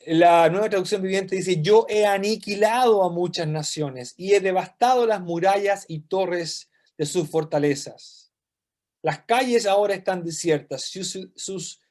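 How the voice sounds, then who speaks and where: A man's voice: high-pitched, a little mellow. A man with a Chilean Spanish accent teaching a Bible study, explaining step by step and repeating phrases for emphasis.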